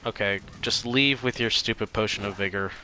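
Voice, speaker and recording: A man gives casual gameplay commentary in a fairly low but bright, forward voice. His nose sounds stuffed up, and he talks in offhand, muttered reactions. There is noticeable noise behind him. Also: a little fast. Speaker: gamer commentating on own play.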